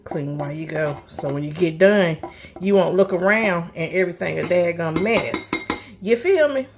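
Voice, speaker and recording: At a moderate pace and on the low side in pitch, a middle-aged cooking vlogger talks folksily to viewers in her home kitchen, calling them honey and child. The noisy room is full of chopping and clicking.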